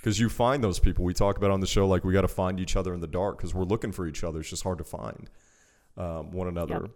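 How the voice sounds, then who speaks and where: Deep-voiced man hosting a chatty podcast. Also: steady tone, fast talker, a little mellow. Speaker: podcast host. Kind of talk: casual chat.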